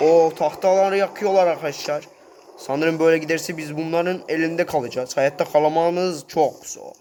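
A man giving casual, excitable gameplay commentary, swearing often and talking straight to his viewers. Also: fairly high pitch, slight background noise.

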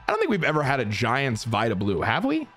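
A young man giving excited commentary over his own baseball video game, muttering one moment and shouting the next. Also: medium pitch, quick pace, faint music behind. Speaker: gaming YouTuber. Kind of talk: live gameplay commentary.

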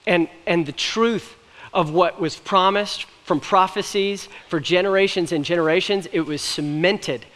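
A man's voice: high-pitched, measured pace, a bit bright. A young man giving a sermon as pastor, earnest and conversational, with light jokes, on stage in a church. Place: church stage with a large hall. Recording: long hall reverb from a church room.

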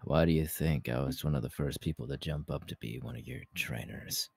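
Very deep, gravelly Hawks, romantic ASMR man acting. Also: a little mellow, no room sound, heavily acted. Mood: tender, confessing. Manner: intimate, halting, breathy laughs and sighs. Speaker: voice actor, ASMR artist. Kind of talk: romantic ASMR audio roleplay.

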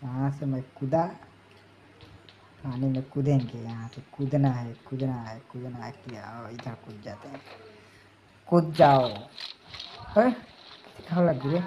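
A man's voice: mid-range voice, unhurried, pauses often, warm tone. A man giving casual commentary while playing a mobile game, urging his teammates along and humming snatches of songs. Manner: urges teammates, hums song snatches. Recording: dull lo-fi mic with faint noise.

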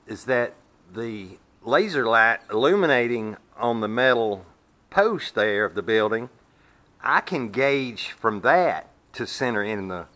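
A man's voice: fairly low pitch, pushed and bright. A man demonstrating his sawmill in a metal shed, explaining in a plainspoken, folksy way, sometimes walking away from the camera. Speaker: sawmill owner. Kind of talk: hands-on demonstration.

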